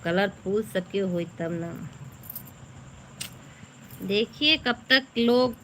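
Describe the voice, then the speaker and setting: Slow-talking woman on a livestream. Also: medium pitch, fairly bright tone, slight background noise. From eastern Uttar Pradesh, India. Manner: chatty, thanks viewers by name, scolds and teases her daughter. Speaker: folk and devotional singer hosting a birthday livestream. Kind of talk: casual livestream chat with viewers.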